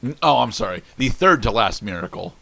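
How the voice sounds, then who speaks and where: A man's voice: lowish voice, expressive, brisk, creaky, fairly bright tone, dry recording. A young man co-hosting a casual movie commentary, laid-back and skeptical, swearing casually.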